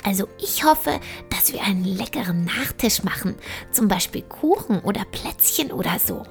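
A woman voicing an eager, excited little male badger in a children's audio story. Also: medium pitch, normal speed, whispered, music in the background, natural voice.

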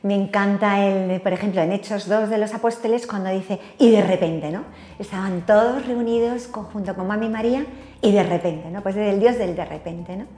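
A woman's voice: mid-range voice, moderate pace, mellow, reverberant. An older woman from Spain, giving a personal faith testimony as an interview guest, talking hesitantly with many fillers and tag questions.

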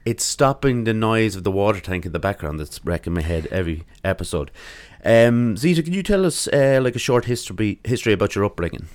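Irish guy late 30s hosting a casual podcast, lowish, dry sound, kinda halting. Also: expressive, no room sound. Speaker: podcast host. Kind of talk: casual interview.

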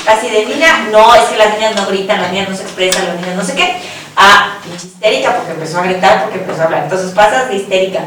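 A woman's voice: medium pitch, a bit bright. A middle-aged woman with a Mexican accent telling frank personal stories in a discussion, swearing casually and speaking with animation. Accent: Mexican Spanish. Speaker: panelist. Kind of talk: candid personal testimony in a discussion. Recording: echoey room, voice distant from mic.

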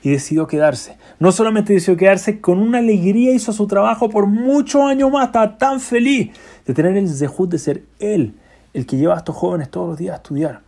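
A man with a high-set, mellow voice tells a religious story as part of a talk. He slips Hebrew and English phrases into his speech, and his tone stays soft and dark rather than bright. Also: a little fast.

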